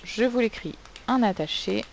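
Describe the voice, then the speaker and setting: A woman's voice: medium pitch, lively intonation, normal speed, vocal fry, slight background noise, rough recording. A woman teacher giving a recorded spelling lesson to children, patiently spelling words out sound by sound. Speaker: primary school teacher.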